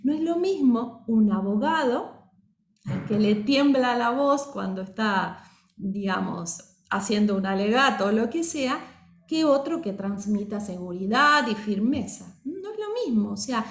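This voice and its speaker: A woman's voice: on the high side, animated, a little slow. Woman teaching in a roomy space. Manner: keeps checking in with the audience; explanatory, acts out example voices. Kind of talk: course lecture. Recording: roomy reverberant sound.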